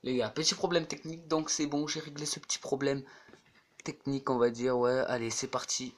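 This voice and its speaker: Excitable young man calling his football game. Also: mid-range voice, a little fast. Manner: excitable, repeats player names over and over, bursts into shouts. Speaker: gaming YouTuber. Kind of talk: casual let's-play commentary over a football video game.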